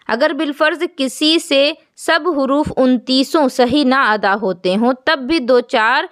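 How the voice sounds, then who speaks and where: A woman teaching an online Quran recitation class, explaining slowly and asking her students questions. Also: high voice. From Jammu, India.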